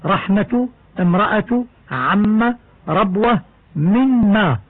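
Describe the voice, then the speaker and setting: A man with a high voice explains the rules of Quran recitation in a measured, step-by-step way. The sound is dry and narrow, like an old radio broadcast heard through a small speaker. He talks like a patient teacher going through each rule in turn. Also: lively intonation, breathy edge, dry recording.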